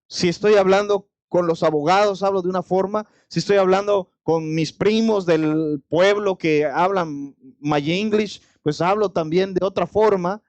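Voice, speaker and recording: Preaching with a Mexican accent, this male pastor addresses his congregation directly and conversationally, leaning on rhetorical questions. His high, slightly mellow voice comes through a lo-fi recording with no echo.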